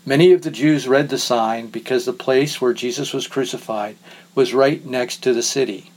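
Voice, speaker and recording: A man giving a measured, solemn reading of scripture. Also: mid-range voice, rough recording. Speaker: scripture reader.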